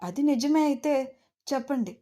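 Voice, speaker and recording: A woman's voice: sits high, animated, moderate pace, dark tone. Emotional woman narrating a story. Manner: emotional, addresses listeners directly. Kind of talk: first-person audiobook narration.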